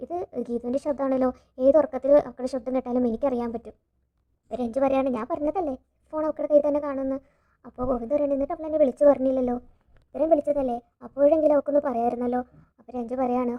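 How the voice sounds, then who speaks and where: A woman rapidly retelling a TV serial episode, quoting the characters' lines as she goes, with a habit of tagging her sentences. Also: high voice. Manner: rapid storytelling with frequent tag "കേട്ടോ". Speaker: serial recap narrator. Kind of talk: fast episode recap, retelling dialogue. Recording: dull lo-fi sound.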